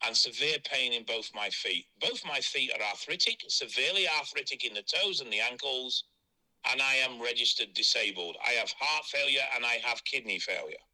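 A man's voice: medium pitch, bright, forceful tone. A man speaking bluntly and frankly as an interviewee, heard over a phone line. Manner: blunt, frank and matter-of-fact.

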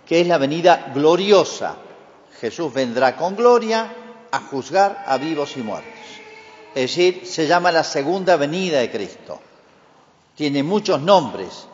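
Priest preaching in long cathedral echo. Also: male voice, on the high side, lo-fi sound, a little hiss or hum. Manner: didactic, asks and answers his own questions. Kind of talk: Gospel reading and explanatory homily. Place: large reverberant church.

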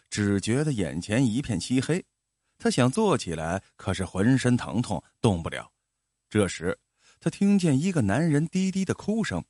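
Expressive male storyteller, dry close sound. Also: medium pitch, no room sound. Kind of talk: storybook narration.

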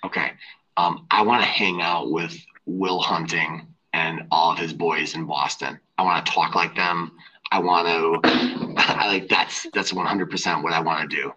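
Very deep-voiced man, husky and bright. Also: steady tone, measured pace, muffled recording. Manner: rambling, filler-heavy, laughs easily. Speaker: teacher, podcast guest. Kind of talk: casual chat. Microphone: headphones on an online call.

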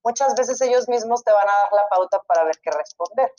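A woman's voice: medium pitch, fairly quick, mellow. A woman with a Mexican accent in a casual panel chat, speaking in a reflective, agreeable way. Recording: dull lo-fi sound.

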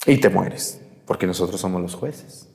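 A man voicing scheming, lecherous old male judges in a low, threatening, coaxing tone. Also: animated, moderate pace, vocal fry, darkish tone, big-room sound. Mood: menacing.

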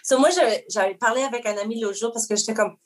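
A woman's voice: a little high, fast. A woman with a Québécois French accent, chatting casually as a guest musician, rambling with many fillers and restarts and slipping in English words. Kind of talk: casual chat.

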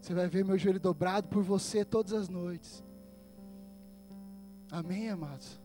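A man pastor preaching a sermon with a Brazilian Portuguese accent, swinging between loud, emphatic passages and hushed asides. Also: sits high, a little slow, soft background music.

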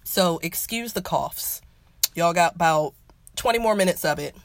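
A woman co-hosting a podcast in casual chat, slightly hoarse from a cold, playful and laughing often. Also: on the low side, normal speed, no room sound. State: hoarse, getting over a cold. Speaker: podcast co-host.

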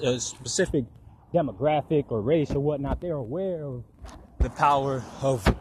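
This podcast monologue comes from a man in his twenties strolling outdoors next to a road as cars pass. His medium-pitched voice has a darkish tone, and he rambles casually about personal matters, swearing freely.

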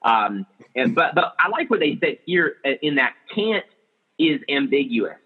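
Guy hosting a chat, kinda husky, sounds like it's over a phone line, rambles and restarts a lot. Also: medium pitch, big pitch swings, measured pace. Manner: rambling, many restarts and fillers. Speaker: podcast host. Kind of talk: casual group discussion.

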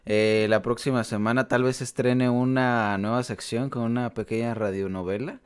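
A man's voice: medium pitch, fairly even intonation, normal speed, clean tone. A young man with a Mexican Spanish accent hosting a podcast in laid-back, slangy casual chat. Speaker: podcast host.

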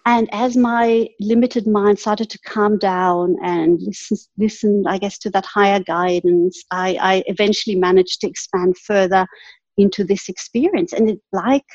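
A woman's voice: medium pitch, fairly even intonation, unhurried, a little mellow, no room sound. A woman guest in an interview telling a personal story earnestly, often breaking into light laughs. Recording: husky voice, dull lo-fi sound.

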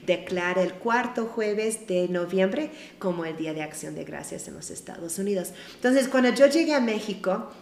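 A woman's voice: mid-range voice, lively intonation, normal speed, few pauses, a little mellow, roomy sound, a little hiss or hum. A woman from Michigan, a missionary, telling stories in a conversational way and often ending sentences with a questioning tag. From Michigan, United States. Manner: chatty, tags sentences with a questioning "no?". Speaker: missionary guest. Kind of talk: conversational storytelling.

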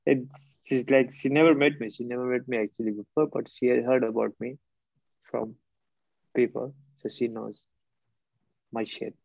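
A man's voice: mid-range voice, fairly even intonation, normal speed, gravelly, long pauses, no echo. Blunt man telling a story, laughing. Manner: blunt, laughing, acts out both sides of an argument. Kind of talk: casual storytelling. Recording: dull lo-fi close recording.

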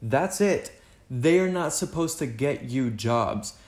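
A man's voice: medium pitch, animated, takes it slowly, darkish tone. A young man chatting casually as a podcast co-host, rambling and full of "like" and "you know", a native Spanish speaker. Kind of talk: casual chat. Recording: echoey room.

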